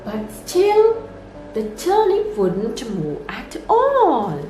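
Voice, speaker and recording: A nursery storyteller reads a children's story aloud in an expressive, sing-song style aimed at young children. Her voice sits high and she goes very slowly, with a roomy echo and music playing underneath.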